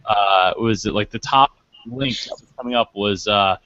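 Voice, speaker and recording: A man's voice: fairly low pitch, moderate pace, pushed and bright, no room sound. Rambling man on a lo-fi call. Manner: rambling, restarts and fillers. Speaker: podcast host. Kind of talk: casual group discussion. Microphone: online call microphone. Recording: dull lo-fi call audio.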